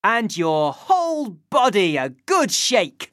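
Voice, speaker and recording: A woman's voice: medium pitch, very animated, takes it slowly, fairly bright tone, no room sound. A woman presenting a school radio singing lesson, giving sing-song instructions to children. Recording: dry studio sound.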